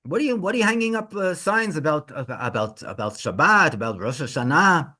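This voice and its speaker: A man voicing an irate older man who shouts indignantly. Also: big pitch swings, heavily acted. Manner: shouting, higher and faster than the narration.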